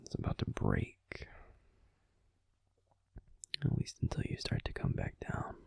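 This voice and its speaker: In this ASMR roleplay, a man lightly acts the part of a grumpy young werewolf boyfriend, using a soft, soothing, breathy whisper near the mic. He goes a little slowly, with no echo.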